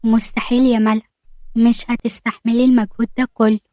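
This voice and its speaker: A worried male doctor insisting his patient rest, voiced by a woman narrator. The tone is mellow and a little high, close and dry. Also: flat delivery, fast talker, no room sound, natural voice.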